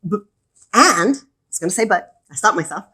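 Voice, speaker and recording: A woman's voice: medium pitch, animated, a little fast, bright, forceful tone, slightly rough. A woman from El Paso, Texas, talking as a guest on a business podcast, enthusiastic and emphatic, often repeating her key words. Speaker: podcast guest, regional director. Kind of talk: conversational podcast interview.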